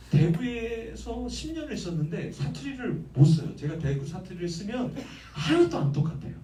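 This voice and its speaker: A man preaching to a congregation with a high, animated voice and a mellow tone. He questions his listeners as he goes, picked up from a distance in an echoey church. A faint hum sits underneath. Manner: lively conversational preaching, asks the congregation questions. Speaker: guest pastor. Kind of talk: sermon. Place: church sanctuary.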